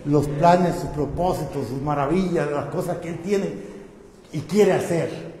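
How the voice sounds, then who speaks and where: A man's voice: on the high side, measured pace, mellow. A man preaching a sermon, putting rhetorical questions to his congregation. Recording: echoey hall.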